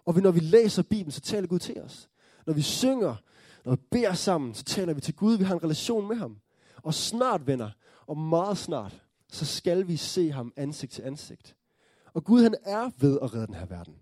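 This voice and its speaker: A man with a high but mellow voice delivers a sermon in an earnest storytelling way. He checks in with his listeners through tag questions and rises into joyful excitement. The sound is dry and close. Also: no echo. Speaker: preacher.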